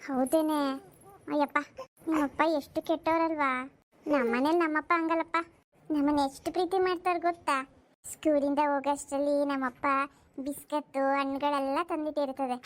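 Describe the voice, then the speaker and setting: Chatty cartoon schoolgirl friend: sympathetic, lively, very high. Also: moderate pace. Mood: caring. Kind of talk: cartoon voice acting.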